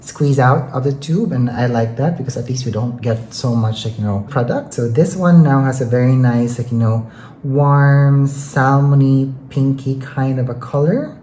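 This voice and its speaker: With a warm, medium-pitched voice at a moderate pace, a beauty vlogger chats casually and enthusiastically through a makeup product review, often tossing in fillers like "you know." The recording has a roomy echo and faint background noise.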